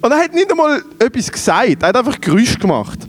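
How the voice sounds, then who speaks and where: Swiss German male podcast co-host with a high voice; spins comic anecdotes, laughing as he goes. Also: big pitch swings, fast, no echo. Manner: laughs through his stories, acts out quoted voices. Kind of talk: comedic storytelling.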